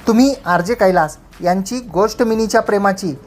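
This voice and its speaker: A woman storyteller reading a rural love story in steady, dramatic narration. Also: medium pitch, fairly quick. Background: faint music.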